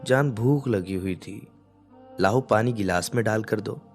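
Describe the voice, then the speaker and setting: A man's voice: lowish voice, unhurried, a little mellow, soft background music, natural voice. A man voicing a cheeky, bossy young bride who teases her husband. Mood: teasing. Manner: bossy, teasing.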